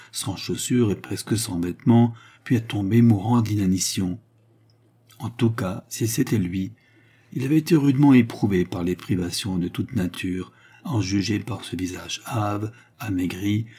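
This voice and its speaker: Here is a male audiobook narrator with a measured, steady delivery. His voice is low and slightly husky, with a mellow, dark warmth. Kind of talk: scripted narration.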